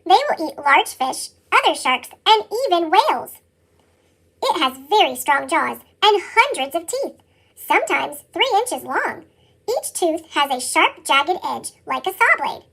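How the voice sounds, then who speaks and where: A storybook reader reading a nonfiction picture book aloud, with the voice sped up into a chipmunk effect and a steady, even delivery. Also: very high voice, a little slow, gravelly.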